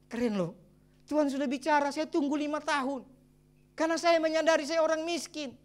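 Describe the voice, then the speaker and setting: A middle-aged man, a pastor, preaching a sermon and telling his own story in a lively way with exclamations and chuckles. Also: very high-pitched, brisk. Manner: addresses the congregation as brothers and sisters. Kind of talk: sermon with personal testimony.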